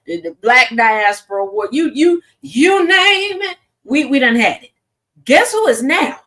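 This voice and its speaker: High, lively woman commentating slowly. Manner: sassy, laughs often, drawn-out emphasis. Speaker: host. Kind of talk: casual commentary.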